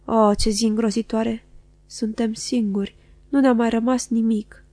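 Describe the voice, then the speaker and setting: A sentimental middle-aged husband, read by a woman in an audiobook. He speaks effusively and emotionally, with warm tone and a close, dry sound. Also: a little high, level tone, no echo, close to an everyday voice. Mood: gloomy.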